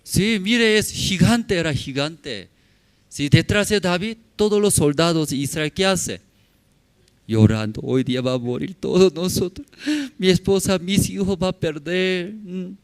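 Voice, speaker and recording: A man's voice: high-pitched, unhurried. A man preaching a sermon in a church, telling a story with many rhetorical questions to the congregation and speaking in simple, broken phrases. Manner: non-native Spanish with simplified grammar. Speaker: pastor.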